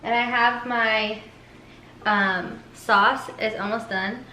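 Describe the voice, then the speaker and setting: A woman's voice: fairly high pitch, steady tone, slow pace, reverberant, background noise. A woman talking casually as she cooks and tastes food in her home kitchen for a cooking vlog, chatty and full of "um" and "like". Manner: chatty, many fillers like "um" and "like". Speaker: cooking vlogger.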